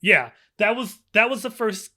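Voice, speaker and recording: A man co-hosting a casual podcast, talking fast with sarcasm and frequent swearing. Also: high voice, a crowd in the background. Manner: profane, sarcastic, animated. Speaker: podcast co-host. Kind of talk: casual gaming podcast chat.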